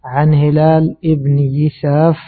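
A man giving a measured religious lesson on hadith, explaining slowly and pausing with fillers. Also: fairly high pitch, little pitch movement. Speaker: hadith teacher. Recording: tinny phone-like audio.

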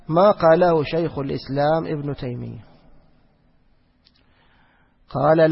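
A husky, somewhat high-voiced man teaches Quranic exegesis in a reverberant hall, working through a religious lesson with self-posed questions and his own answers. He repeats phrases and slows for recited verses, recorded lo-fi with lengthy reverb.

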